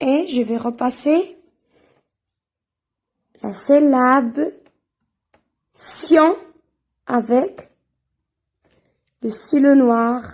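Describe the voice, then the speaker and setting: A woman teaching a reading lesson, speaking slowly and spelling out sounds and syllables one at a time with careful enunciation. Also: high-pitched, a little mellow.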